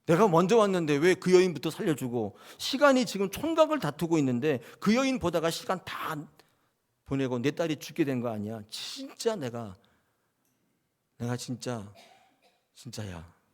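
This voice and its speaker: A man's voice: medium pitch, lively intonation, moderate pace, darkish tone. A man voicing a grieving middle-aged father who complains with bitter resentment. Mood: resentful.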